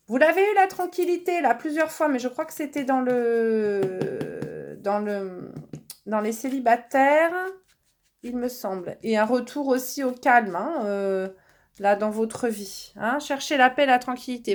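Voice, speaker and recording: Woman from France, casual reassuring card reader, slightly high voice, talks with many fillers. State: losing her voice. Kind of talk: casual card-reading guidance.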